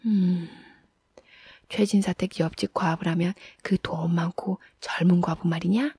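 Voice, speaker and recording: A woman's voice: on the low side, steady tone, unhurried, husky, dry recording, clean studio sound, full character voice. A scolding village mother, as a woman narrator puts her on. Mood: urgent. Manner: loud, scolding.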